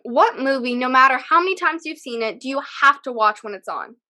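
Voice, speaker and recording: A woman hosting a casual interview over a video call, chatty and quick to laugh and exclaim. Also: high-pitched, expressive, sharp tone. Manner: giggly, chatty, exclaims easily. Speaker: host.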